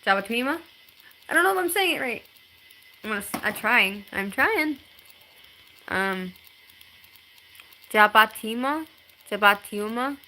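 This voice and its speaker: Animated and fairly high-pitched, a bright, clear-voiced woman in her thirties chats with viewers on a phone live stream from home. She reads comments aloud in a halting, easygoing style, full of ums and restarts. The recording is low quality, with a little hiss or hum.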